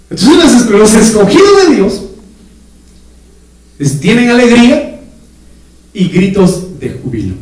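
High, animated preacher in an echoey church. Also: male voice. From Guatemala. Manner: jokey, animated preaching with laughter and sudden shouts. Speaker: pastor. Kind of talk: sermon. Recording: echoey church hall, mic at a distance.

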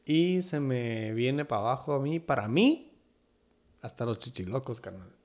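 A man with a mid-range, sing-song voice that's a little mellow talks at normal speed, co-hosting a sports league podcast. His Mexican Spanish carries a Chicano flavor, and his casual banter about a fantasy league is packed with street slang and switches into English phrases.

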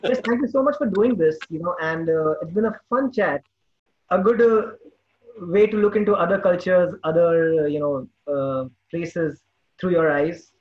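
High-voiced joking podcast host. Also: male voice, moderate pace. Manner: joking, rambling questions with many fillers. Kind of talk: casual interview chat. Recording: dull lo-fi sound.

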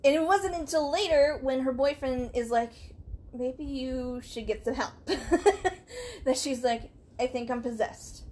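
A woman's voice: high voice, dark tone. A woman co-hosting a casual podcast, telling a true story in a chatty way, laughing and acting out quotes. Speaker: podcast co-host.

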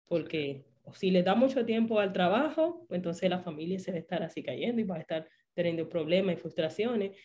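A woman hosting a casual interview, talking warmly and affirming her guest. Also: medium pitch, highs cut off. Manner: warm, affirming, conversational. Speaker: interview host.

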